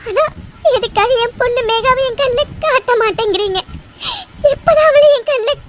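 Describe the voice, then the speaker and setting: A shrill, tearful cartoon mother, with faint hiss behind her. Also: animated, brisk, fairly bright tone, poor audio. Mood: weeping. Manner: emotional, pleading delivery. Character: anxious, tearful mother of three, a woman. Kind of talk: cartoon dubbing. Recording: faint background noise.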